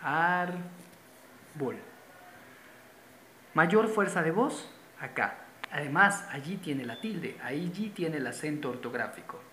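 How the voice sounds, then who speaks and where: A man's voice: a little high, lively intonation, measured pace, pushed and bright, slight background noise. A man from Venezuela, teaching a grammar lesson patiently, repeating key terms and pointing at a board. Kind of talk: classroom-style grammar lesson. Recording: roomy echo.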